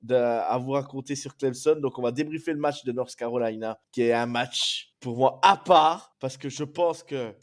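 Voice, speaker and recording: A man hosting a casual sports fan talk show, slightly hoarse from a cold, talking in a rambling, excitable way and repeating himself. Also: medium pitch, moderate pace, hardly any pauses. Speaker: host.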